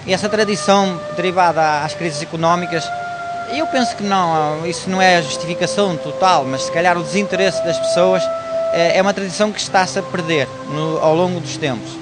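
A man's voice: sits high, brisk, music in the background. A middle-aged man with a northern Portuguese accent answering interview questions, hesitant, with many fillers and restarts. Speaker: company director.

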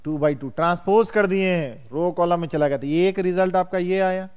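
Guy teaching matrices, high smooth voice, keeps asking the class questions. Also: brisk, a little mellow. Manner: quizzes students constantly, calls them "बउआ". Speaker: math teacher. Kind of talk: classroom lecture.

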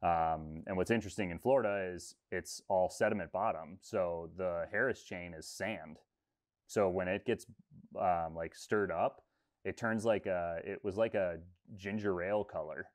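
Man, 30s, very low voice, laid-back rambling, many ums, video call webcam. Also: unhurried. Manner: relaxed, rambling, many fillers. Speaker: fishing guide. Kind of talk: casual interview talk. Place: room with textured ceiling.

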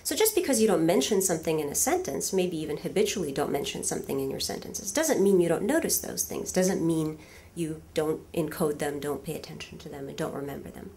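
A woman, Russian by first language, lectures energetically from a lectern to a large hall, leaning on fillers and rhetorical questions. Her voice is low and her pace fairly quick.

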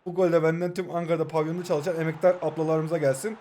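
A young man from Turkey with a high, light voice, chatting as he plays a mobile football game. His banter is joking and self-mocking. When a move builds up he switches to fast, excited play-by-play. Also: a little hiss or hum. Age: 20s. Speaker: mobile football gaming YouTuber. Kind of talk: live gameplay commentary.

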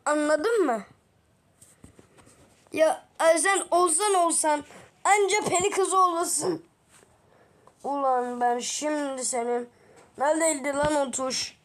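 A woman voicing several characters in a game video, excitable and teasing, full of exclamations. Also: very high-pitched. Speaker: gaming video creator.

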